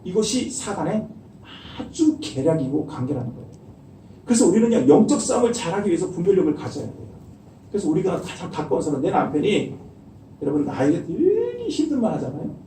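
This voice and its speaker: Animated male pastor in an echoey church. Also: high voice, a little fast, distant mic, a little hiss or hum. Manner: animated, acts out quoted voices. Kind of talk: sermon. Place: church sanctuary. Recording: echoey church hall miked from afar.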